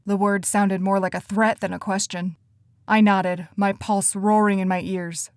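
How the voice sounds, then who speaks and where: A woman reading first-person audiobook narration in an even, measured way. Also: mid-range voice, clean tone.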